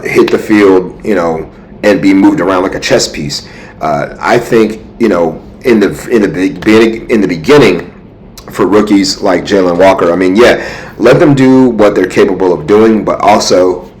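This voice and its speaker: A man's voice: sits low, slight background noise, low-quality recording. A man hosting a sports show, talking loosely with lots of fillers and restarts, sleepy and yawning. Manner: rambling, many fillers and restarts. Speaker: sports podcast host. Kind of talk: casual sports commentary.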